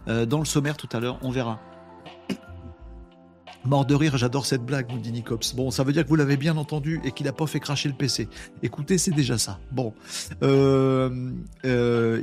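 A man's voice: mid-range voice, a little mellow. A man hosting a live stream, chatting loosely with many fillers and reading out viewer comments. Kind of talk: casual live stream chat.

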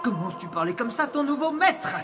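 An actor playing a gloating, hot-tempered galactic villain in a comic audio drama, declaiming like a hammy stage actor. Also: male voice, very high-pitched, sing-song, fast. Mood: enraged, boastful. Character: gloating, irascible galactic villain, self-proclaimed emperor of evil. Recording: long reverb over music and crowd.

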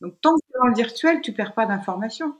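A woman's voice: on the high side, expressive, fairly quick, lo-fi sound. A middle-aged woman, a dentist, explaining technical points emphatically in a podcast conversation.

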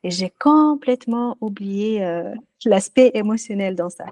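A woman speaking as a guest in a relaxed interview, recounting her own story in an earnest, reflective way. She often pauses and restarts as she searches for her words. Her voice sits at a medium pitch and is recorded dry, with no room sound. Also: dry recording. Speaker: podcast guest, music therapist. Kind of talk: casual personal storytelling in an interview.

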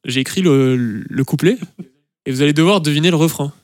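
A man's voice: on the high side, fairly quick, a little mellow, no room sound. Hesitant man hosting a podcast game. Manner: hesitant, lots of fillers. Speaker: podcast co-host running a game. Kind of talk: casual chat. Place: podcast studio.

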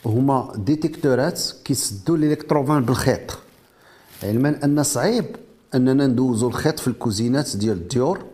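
A man's voice: mid-range voice, dark tone. A man with a Moroccan Arabic accent explaining and demonstrating a product in an interview, mixing French technical terms into his speech. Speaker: inventor presenting a product.

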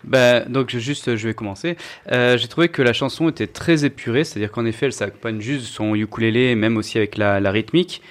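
A man's voice: mid-range voice, quick pace, hardly any pauses. A man reviewing a song on a radio show, hesitant and full of fillers.

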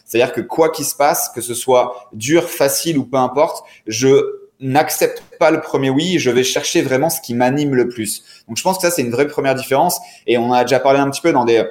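A man's voice: mid-range voice, a little fast, few pauses, darkish tone. Chatty man in an echoey room. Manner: rambling, chatty, many restarts. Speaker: podcast guest. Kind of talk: casual chat. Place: apartment room.

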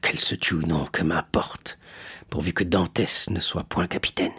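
Man voicing a cold schemer, low muttered scorn, dry close recording, audiobook reading. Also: very animated, normal speed, vocal fry, no room sound. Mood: scornful muttering.

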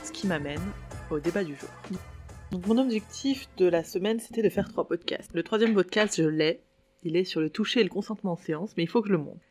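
A woman's voice: on the low side, lively intonation, a little fast, darkish tone, faint music behind. A woman hosting a podcast, talking casually in a chatty commentary with frequent fillers, a little tired. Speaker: podcast host.

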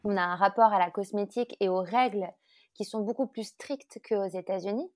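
Mellow-voiced woman interviewer. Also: medium pitch, moderate pace. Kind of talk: casual conversational interview.

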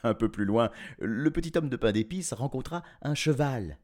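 A man telling a children's storybook tale with a playful, lively manner. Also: mid-range voice, moderate pace. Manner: lively, playful, laughing asides. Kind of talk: storybook reading.

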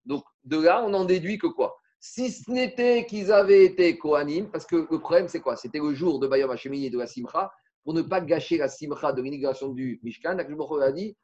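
A man's voice: fairly high pitch, brisk, darkish tone, dull audio. A man teaching a Talmud class in casual French, explaining step by step, asking rhetorical questions and mixing in Hebrew terms.

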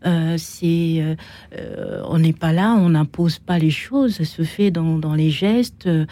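A woman's voice: deep voice, slow pace, dark tone. A woman talking as a guest in a radio interview, encouraging, and hesitant when she explains things. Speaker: studio guest. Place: dry radio studio.

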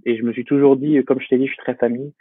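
A man's voice: mid-range voice, little pitch movement, racing, husky, dry recording. Man on a tinny, dry phone-like line. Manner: hesitant, many fillers and restarts. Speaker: guest. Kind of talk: casual interview talk.

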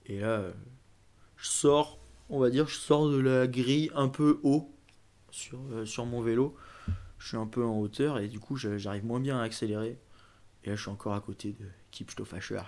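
Guesting on a laid-back interview, this nineteen-year-old French BMX racer from the junior ranks rambles, restarts often and leans on fillers. His mid-range voice carries a somewhat dark tone.

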